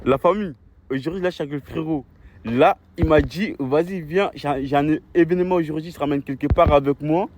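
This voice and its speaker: A man vlogging casually to his followers in street slang, teasing and excitable. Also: a little high, a little fast. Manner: French suburban street slang. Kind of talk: casual vlog chat to followers. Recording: busy crowd and street noise behind.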